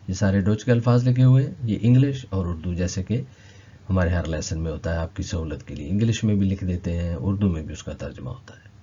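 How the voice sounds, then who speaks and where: Male language teacher, low dark husky voice, patient word-by-word repetition, dull lo-fi recording. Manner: slow, repeats each word several times. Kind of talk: explaining vocabulary lesson.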